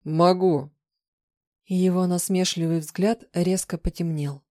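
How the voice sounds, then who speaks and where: A woman reading a first-person novel aloud as an audiobook narrator, in an even, emotive way. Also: lowish voice, moderate pace, dry recording, studio quality.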